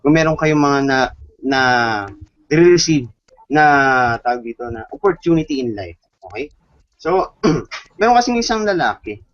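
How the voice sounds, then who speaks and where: A man giving a training webinar, telling a story and often checking in with "okay?". His voice sits fairly high for a man. The audio is dull and dry, with no room sound. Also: animated, unhurried, long pauses, no room sound. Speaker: business trainer. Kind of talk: webinar talk with a parable.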